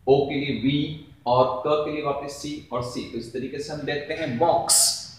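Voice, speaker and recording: A male teacher explains a lesson, stretching out each word slowly as he drills its sounds. His voice sits a little high for a man. It rings around a very echoey room. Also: fairly even intonation. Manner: slow, drawn-out word pronunciation drills. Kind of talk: classroom-style lesson explanation.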